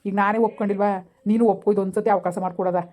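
A man acting a village father who gently coaxes his daughter to accept a gift, in an amateur family drama. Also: sits high, level tone, natural voice. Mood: coaxing. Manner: coaxing, rapid rural colloquial speech.

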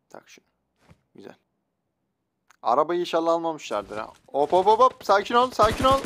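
A young man giving playful, slangy commentary while playing a shooter game, teasing his opponents. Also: fairly high pitch. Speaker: gaming YouTuber.

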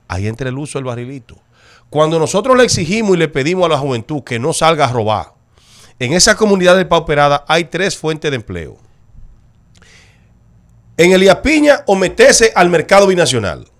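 A Dominican man with a slightly higher voice speaks as a talk-show co-host. He argues his opinions emphatically and repeats key phrases for stress.

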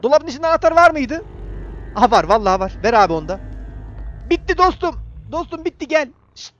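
A man's voice: extremely high pitch, very animated, fairly quick, a bit bright, lo-fi sound, slight background noise. A young man giving casual gameplay commentary, chatting to the game character and to viewers. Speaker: gaming YouTuber.

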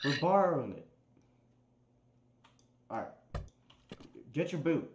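A man's voice: on the high side, big pitch swings, slow. A man chatting casually while playing a video game with a friend, bossing him around, swearing and laughing a lot. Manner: profane, bossy, laughing often. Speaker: gamer. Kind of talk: casual gaming chat. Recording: echoey room with clear noise.

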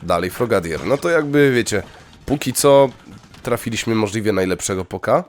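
A young man giving casual gameplay commentary, chatty and excitable, breaking into sudden high yelps when thrilled. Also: moderate pace. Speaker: let's play gamer.

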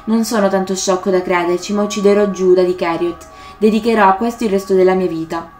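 A woman's voice: medium pitch, steady tone, fast talker, darkish tone, soft background music, lightly acted. A woman voicing a fierce, vengeful male apostle, in a roomy room. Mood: grim. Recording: roomy echo.

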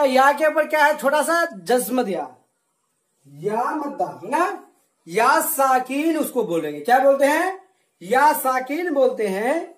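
A male religious studies teacher giving a recorded lesson, slowly drilling rules with repeated questions and answers. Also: extremely high pitch, reverberant, rough recording. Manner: slow, repetitive drilling with call-and-response questions.

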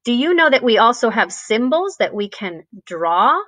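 A woman teaching a bilingual music lesson to young children, switching between English and Spanish and speaking slowly and clearly. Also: fairly high pitch, big pitch swings, fairly bright tone, dry recording. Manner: sings and chants rhythm words.

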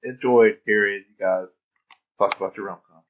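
A man's voice: lowish voice, fairly even intonation, moderate pace. A man, the podcast producer, chiming in with casual chat, bashful and laughing. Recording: dull lo-fi audio.

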